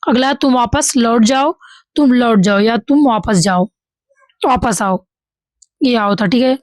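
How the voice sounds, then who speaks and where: A woman's voice: on the high side, a little slow, no room sound. A woman with a Bihari Hindi accent teaching an exam-prep grammar lesson. She reads each example and then corrects it. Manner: reads examples then corrects them, says "ठीक है" often.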